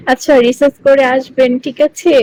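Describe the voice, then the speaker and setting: A woman's voice: high voice, mellow, low-quality recording. A woman chatting casually with viewers on a live stream, playful and teasing, coaxing them and giggling often between lines. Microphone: phone.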